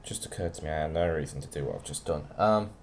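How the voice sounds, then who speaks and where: A man's voice: rumbling low, fast talker, darkish tone, a little hiss or hum. A young man casually chatting to viewers by name while he streams a game, dry and wry in manner. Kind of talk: casual live-stream chat while playing.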